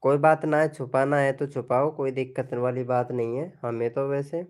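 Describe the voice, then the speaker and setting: A man's voice: medium pitch, steady tone, moderate pace, a little mellow, clear, resonant tone. A man hosting a casual live stream, playfully teasing viewers as he reads their messages. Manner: playful, teasing, chuckling often.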